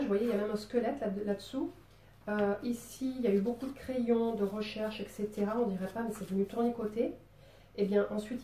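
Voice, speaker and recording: A woman's voice: medium pitch, warm tone, recorded from a distance, slight background noise. A woman with a Marseille accent giving a drawing lesson in a chatty, playful way, full of fillers. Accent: southern French (Marseille). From Marseille, southern France. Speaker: drawing teacher. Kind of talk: drawing tutorial. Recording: roomy sound, voice away from the mic.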